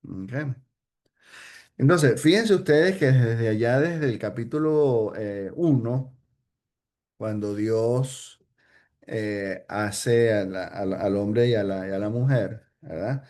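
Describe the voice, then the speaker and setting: A man's voice: fairly low pitch, slow, a little mellow. A man teaching an informal Bible study, hesitant, with many fillers and restarts, often checking in with "ok?".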